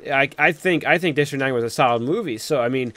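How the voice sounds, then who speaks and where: A man runs a casual live stream panel, talking fast in a medium-pitched, slightly bright voice. He rambles a lot and leans heavily on "like" as filler.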